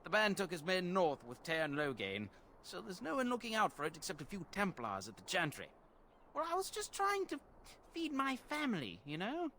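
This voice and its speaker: A high, smug bandit boss. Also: male voice, huge pitch swings, moderate pace, pushed and bright, a little hiss or hum, exaggerated voice. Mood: groveling. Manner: sly, sarcastic, then groveling. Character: smug bandit leader running a fake toll.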